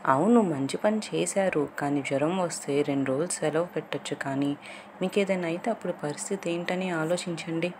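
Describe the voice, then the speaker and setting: A woman voicing a friendly, teasing young man in an audio love story, in her own low voice. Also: a little fast, background noise, lightly acted. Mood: scolding.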